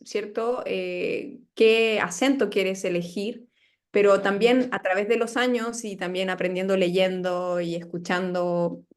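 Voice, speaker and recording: A woman with a Chilean accent talks as a guest in a relaxed interview. She explains her views carefully, stopping briefly to think now and then, in the manner of a teacher. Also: medium pitch. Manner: thoughtful, explanatory, pauses with "eh". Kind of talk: casual interview chat.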